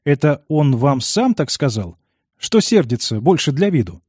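A man's voice: fairly high pitch, big pitch swings, moderate pace, darkish tone, husky, no echo, studio quality. Man voicing an earnest young man.

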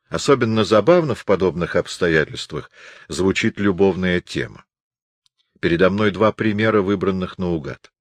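A man reading a literary lecture aloud in a measured, ironic manner. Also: low-pitched, no room sound, studio quality.

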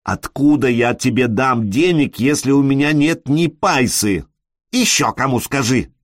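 A man's voice: mid-range voice, measured pace, dry recording, studio quality, pitched above the performer's own voice, close to an everyday voice. Man doing a snappish, weary man. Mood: irritated. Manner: irritable, snapping.

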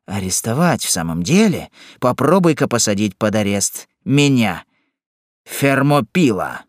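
A principled soldier speaks up with firm, reproachful indignation, as a man reads him aloud. His lines are unhurried and lively in pitch. The recording is dry and close. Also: no echo. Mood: indignant. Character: indignant upright male sergeant, defends the weak. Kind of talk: audiobook character reading.

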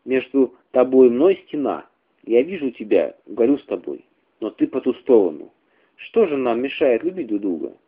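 A man's voice: medium pitch, big pitch swings, moderate pace, breathy edge. A man voicing a troubled, suspicious young man in a radio reading, brooding and moody. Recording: tinny phone-like radio recording.

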